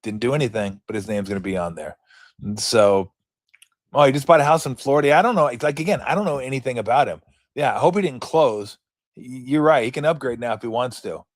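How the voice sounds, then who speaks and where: A man's voice: medium pitch, expressive, brisk, no echo, studio quality. A man hosting a sports talk show, rambling casually and joking as he acts out players in mock voices.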